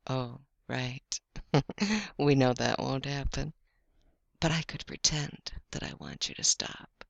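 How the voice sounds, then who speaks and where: Slow, gravelly, seductive woman, close and dry. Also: extremely low pitch, no room sound. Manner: slow, teasing, seductive, drifting into whispers. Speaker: erotic audio performer. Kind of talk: intimate scripted audio roleplay.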